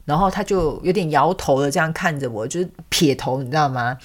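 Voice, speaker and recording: A woman's voice: deep voice, brisk. A young woman from Taiwan, hosting a podcast and telling a personal story in a chatty way, with many fillers and frequent laughs. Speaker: podcast host. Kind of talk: casual storytelling monologue.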